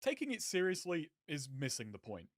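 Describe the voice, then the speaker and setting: A man reading a scripted game review in a measured, wry way. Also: a little high, wildly swooping pitch, a bit bright, slight background noise. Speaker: video reviewer.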